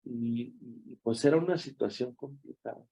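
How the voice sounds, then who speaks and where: A man's voice: medium pitch, moderate pace, gravelly, warm tone, slightly rough, poor audio. A man with a Mexican accent, a pastor giving a devotional sermon in a conversational, storytelling way.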